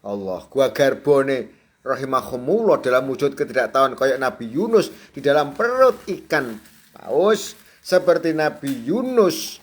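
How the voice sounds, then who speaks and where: A man preaching a sermon, chatty and quick to laugh, often checking in with his audience and acting out the cries and prayers of a newborn. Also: fairly high pitch. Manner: acts out a newborn's crying and prayers. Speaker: Sufi preacher.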